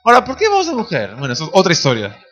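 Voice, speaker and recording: A man in his thirties preaches in a church with a very high, bright, ringing voice. He tells stories and acts out the people in them, jumping up to shouts at the climaxes, with soft music behind him. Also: wildly swooping pitch, rapid-fire, muffled recording. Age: 30s. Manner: storytelling, acting out family voices, shouting at high points. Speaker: pastor. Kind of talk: sermon. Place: church sanctuary.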